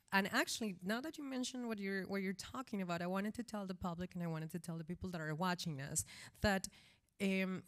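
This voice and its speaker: A woman from Colombia speaking on a panel, explaining with rhetorical questions and passion. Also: fairly low pitch. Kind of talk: panel discussion. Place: conference room.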